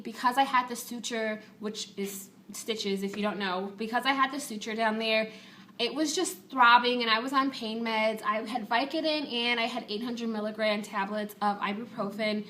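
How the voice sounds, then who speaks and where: A woman chats casually to her viewers in the manner of a personal vlog update. Her voice is bright and crisp-edged, pitched a little above average. She comes across as candid and talkative, speaking informally throughout. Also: a little hiss or hum. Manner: chatty, candid, with casual swearing. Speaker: vlogger.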